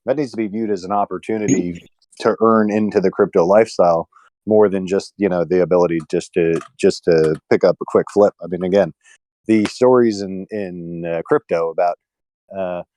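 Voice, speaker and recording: A man's voice: low voice, a little mellow, dry recording. A man co-hosting a casual club call, speaking hesitantly with frequent restarts. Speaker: co-host.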